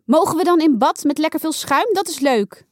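A woman's voice: high-pitched, animated, normal speed, no room sound, clean studio sound, pitched above the performer's own voice. A woman voicing a chatty, sensible girl who likes to explain things. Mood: enthusiastic.

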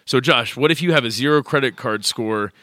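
Sex: man. Role: podcast co-host. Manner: blunt, direct, casual. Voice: bright, sharp. Sound: dry, close mic. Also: medium pitch, brisk, no room sound.

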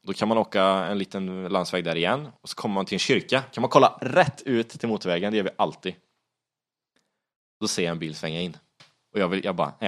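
A young man with a deep, low voice tells a story in a casual, animated way. He swears freely and acts out his own panic as he talks.

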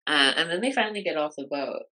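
A woman's voice: low voice, expressive, fast talker, bright, forceful tone. A woman co-hosting a casual podcast film recap, peppering her talk with "like" and frequent laughs. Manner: says "like" constantly, laughs often, quotes characters. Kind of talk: casual chat.

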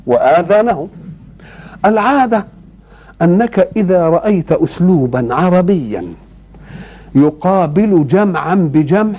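Older Egyptian male preacher, high-pitched, teaching through rhetorical questions. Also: darkish tone. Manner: explanatory, asks rhetorical questions and answers them. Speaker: Quranic exegete. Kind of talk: religious lesson, Quran commentary.

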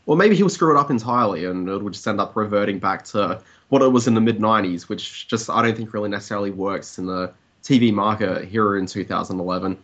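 Casual Australian male commentator, brisk and conversational, on a muffled lo-fi recording. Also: lowish voice, a bit bright. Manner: conversational, opinionated, hedging with "I mean". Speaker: TV industry commentator, blogger. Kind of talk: casual discussion.

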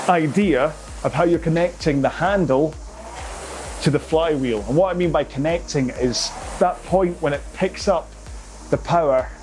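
A man's voice: fairly high pitch, darkish tone, slight background noise. A man coaching an indoor rowing workout, talking through pace targets and technique in a chatty, rambling way. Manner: chatty, rambling, self-aware explanations. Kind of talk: workout instruction.

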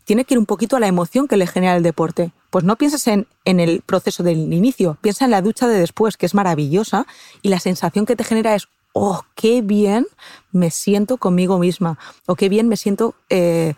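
A woman's voice: mid-range voice, brisk, mellow, no room sound. Spanish woman explaining habits, dry sound. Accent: Spanish from Castilla-La Mancha. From Castilla-La Mancha, Spain. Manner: explanatory, frequent "eh" fillers and restarts, addresses host directly. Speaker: guest expert on habits. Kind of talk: conversational interview.

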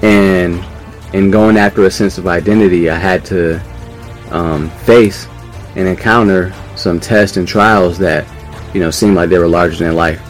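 A man from New York with a very low voice tells a story on a podcast. He talks casually and animatedly, acting out what others said and laughing along the way. Soft music plays faintly underneath. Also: fairly even intonation, measured pace. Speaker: podcast guest.

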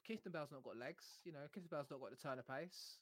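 A man's voice: medium pitch, fairly quick, no room sound. A man hosting a casual football chat, giving opinions and reasoning them out aloud. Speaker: football podcast host.

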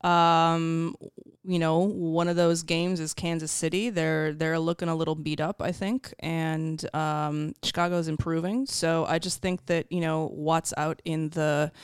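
A man with a gravelly morning rasp co-hosts a casual sports podcast. His voice sits a bit high and stays clear under the grit. He lays out his reasoning at length in a dry, close recording. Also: no echo. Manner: thoughtful, explains his picks at length. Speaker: podcast co-host.

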